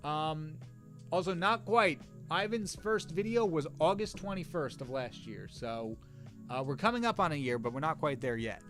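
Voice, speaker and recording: A man's voice: on the high side, animated, moderate pace, a bit bright, faint music behind. A man hosting a live drawing stream, chatting casually with viewers in an easygoing, rambling way with lots of fillers and little chuckles.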